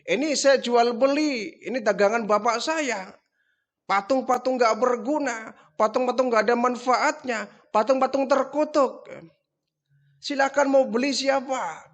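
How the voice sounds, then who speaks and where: Man voicing young male prophet, high raised voice, loud street calls, meek replies. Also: measured pace. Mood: hawking loudly. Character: young dutiful male prophet, secretly mocking idols.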